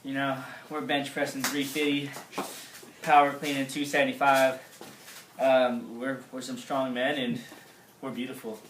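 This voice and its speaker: A man's voice: mid-range voice, little pitch movement, measured pace, fairly bright tone, slight background noise, close to an everyday voice. A man playing a vain, boastful young nephew of a famous general who brags about himself, recorded far from the mic in an echoey room. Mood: smug. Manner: self-admiring bragging. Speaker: interviewee.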